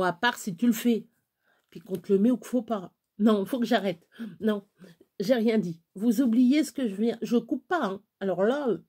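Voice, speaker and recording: Talking casually to her viewers, this crafting vlogger from France, in her forties, is blunt and earthy and moves from laughing to crying. She has a mellow, mid-range voice with a breathy edge.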